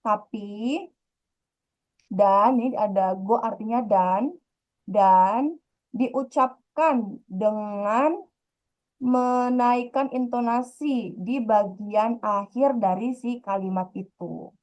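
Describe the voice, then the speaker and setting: A woman's voice: on the high side, slow pace, pauses often, darkish tone. A woman teaching a grammar lesson, explaining patiently and repeating her points. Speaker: Korean language teacher. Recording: dull lo-fi sound.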